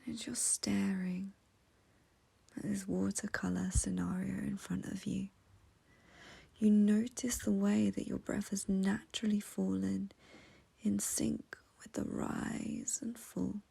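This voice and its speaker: A woman with a mid-range voice guides listeners through meditation in a level tone, her soft, breathy whisper gentle and calming, broken by long pauses.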